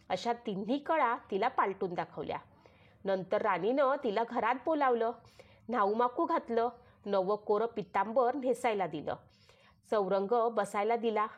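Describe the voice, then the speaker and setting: A woman with a Marathi accent narrates a traditional devotional story. Her voice sits a little higher than most women's. She keeps a steady, sing-song storytelling rhythm and voices the quoted dialogue inside it.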